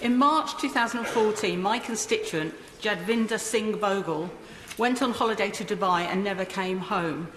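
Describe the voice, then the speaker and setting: A woman's voice: mid-range voice, moderate pace, crowd noise. A woman reading out a formal question as a member of parliament. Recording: echoey hall with long reverb.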